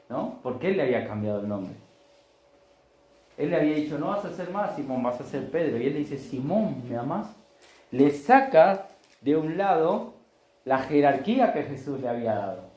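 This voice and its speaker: A man's voice: mid-range voice, darkish tone, echoey room, rough recording. A man preaching a Sunday sermon, telling stories in a conversational way and acting out the voices in them. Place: church.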